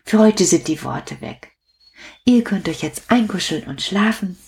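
A woman reading a bedtime story aloud to children in a slow, gentle way. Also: medium pitch, animated, gravelly.

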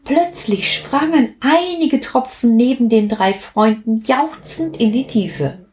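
A woman reading a children's story aloud, expressive and unhurried. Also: on the high side.

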